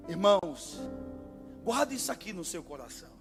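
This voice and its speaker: A man with a Brazilian Portuguese accent preaching a sermon as pastor, impassioned and bursting into shouted exclamations. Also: high voice, big pitch swings, slow pace. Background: faint music.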